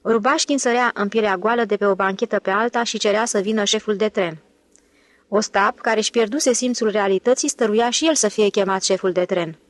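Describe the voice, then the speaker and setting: A woman narrating an audiobook novel in an even, clear reading style. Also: mid-range voice, no room sound. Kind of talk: scripted narration.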